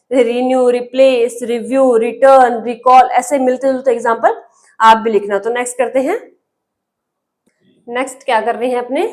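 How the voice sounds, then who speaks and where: A woman teaching an English lesson in Hindi, drilling pupils with repeated questions and spelling words out letter by letter. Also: high voice.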